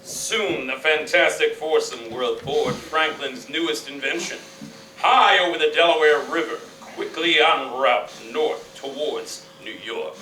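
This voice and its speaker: A man's voice: a little high, unhurried, bright, forceful tone. A man playing a dramatic, heroic storyteller, narrating a scripted radio play. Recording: echoey, faint noise.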